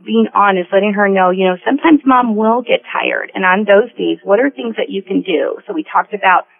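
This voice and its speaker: A woman's voice: mid-range voice, brisk, creaky. A middle-aged woman giving a casual personal account as an interview guest over the telephone. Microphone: phone call. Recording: noisy, thin telephone line.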